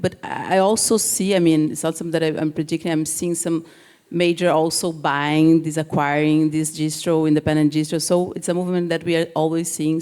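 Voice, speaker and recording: A woman's voice: sits low, dark tone. A woman speaking as a panelist at a conference, thoughtful and loosely phrased.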